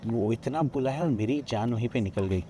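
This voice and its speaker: A man's voice: mid-range voice, fairly quick, dark tone, a little hiss or hum. Man from Odisha telling a ghost story. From Odisha, India. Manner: narrates with many quoted lines of dialogue, frequent restarts. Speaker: podcast guest. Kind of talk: retelling a personal ghost story. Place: outdoors at a riverside ghat.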